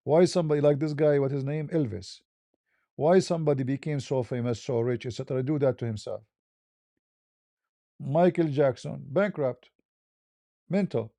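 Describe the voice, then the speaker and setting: A man's voice: mid-range voice, normal speed, long pauses, mellow, no echo. A man giving a casual, conversational monologue in plain non-native English, often repeating and restarting his words. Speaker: online religious debater. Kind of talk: casual monologue answering questions.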